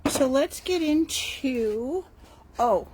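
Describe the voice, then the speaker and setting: Filming by hand as she tours a warehouse, this Texas woman, a crystal shop owner from El Paso, hosts an unscripted, casual video full of chatty, enthusiastic meandering. She has a high, expressive, darkish voice and draws out her words; the recording is low quality with clear ambient noise behind her.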